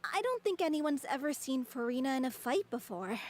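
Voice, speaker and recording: Teasing young troupe girl, high and lively, faint noise in the background. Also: fairly quick. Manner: teasing, upbeat.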